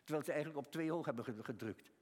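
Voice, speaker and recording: A man's voice: on the high side, racing. Older male preacher in a reverberant hall. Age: 70s. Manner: storytelling, swings from quiet to raised emphatic. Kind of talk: sermon.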